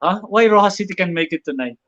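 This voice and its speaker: Male host, high-pitched, playful talk, muffled online sound. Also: animated, fast, a bit bright. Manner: chatty, mixes English and Filipino, jokes. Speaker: interview host. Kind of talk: casual online interview. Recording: dull lo-fi online audio.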